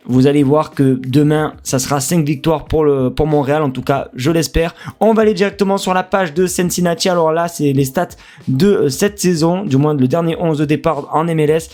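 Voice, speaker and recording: A man's voice: a little high, a little mellow. A man from France with a French accent, casually previewing a football match as a streamer, chatty and hesitant with many fillers.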